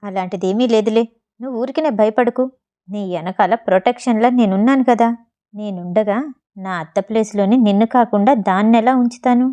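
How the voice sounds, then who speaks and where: A woman's voice: mid-range voice, brisk, natural voice. A woman reading the lines of a teasing, protective young man in a storybook reading. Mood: reassuring. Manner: teasing, then sharp when annoyed.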